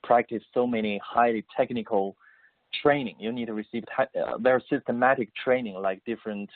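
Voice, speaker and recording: A Beijing-born man, a composer and musician whose native language is Mandarin, answers interview questions over a tinny, dry phone line in Mandarin-accented English. He speaks haltingly, repeating words while hunting for phrasing. His voice is mid-range and steady, with no echo.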